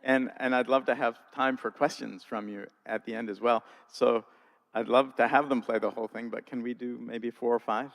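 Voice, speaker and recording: A man hosting a church concert talk, jovial as he gently keeps things on time. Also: medium pitch, steady tone, moderate pace, vocal fry, long reverb tail. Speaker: event host. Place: church sanctuary.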